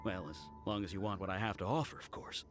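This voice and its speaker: A man voicing a courteous male antique supplier in a game cutscene, measured and salesman-like. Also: low voice, fairly bright tone, faint music behind. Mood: grateful. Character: grateful male antique supplier, polite merchant.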